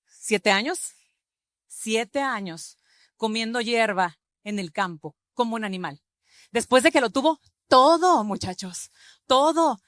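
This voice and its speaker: Animated woman preaching a sermon. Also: a little high, no room sound, clean studio sound. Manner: animated, acts out voices of God and sinners.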